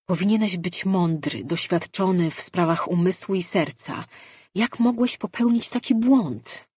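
A woman's voice: on the low side, a little slow, a little mellow, slightly rough, no echo, studio quality. A woman reading an earnest, reproachful young man in a fantasy story. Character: troubled young male dream weaver, earnest.

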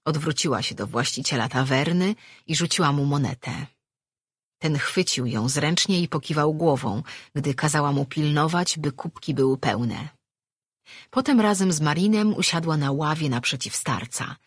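An audiobook narrator reading fantasy fiction in a steady, measured way. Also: medium pitch, slightly rough, no echo, clean studio sound.

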